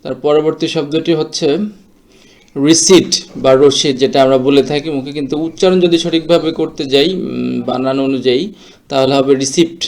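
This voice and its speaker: Man slowly explaining English pronunciation. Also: on the high side, fairly even intonation, creaky, a little mellow. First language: Bengali. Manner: slow, explanatory, mixes English words into his talk. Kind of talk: explanatory lesson.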